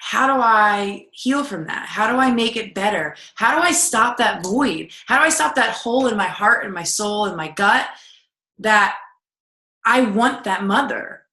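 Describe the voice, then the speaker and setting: Somewhat slowly and expressively, a woman with a mid-range, bright, forceful voice coaches personal growth in a recorded video lesson. She keeps it conversational, repeating and acting out the self-talk she describes, in a room with noticeable echo.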